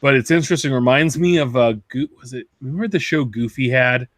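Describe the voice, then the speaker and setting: A man of middling pitch co-hosting a casual podcast, rambling through stories with plenty of restarts and side jokes. His voice sits close and dry on the mic, with no room sound. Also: fairly quick, a bit bright, no room sound. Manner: rambling, self-correcting, jokey. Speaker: podcast co-host. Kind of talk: casual chat.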